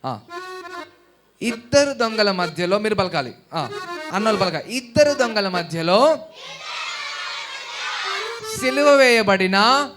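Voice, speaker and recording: A man leading children in a call-and-response worship song at a children's Bible school, coaxing them to repeat each line louder. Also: high voice, expressive, slow pace, pauses often, music in the background, crowd noise.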